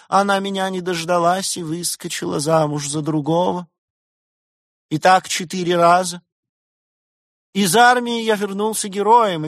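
A man's voice: high voice, fairly bright tone, no echo, studio quality, pitched above the performer's own voice. A man voicing a lovelorn tragic male fox actor, speaking melodramatically in a dead, mournful voice.

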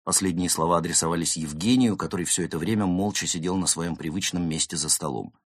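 A man narrating a children's audiobook in an expressive storytelling manner. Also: deep voice, fast, slightly rough, dry recording, clean studio sound.

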